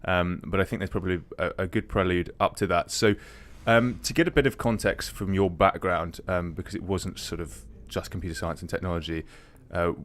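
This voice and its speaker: A man hosting a studio podcast, with a low, deep voice. He asks long, rambling questions. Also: steady tone, a little fast, hardly any pauses, a bit bright. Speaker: podcast host. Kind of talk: podcast interview.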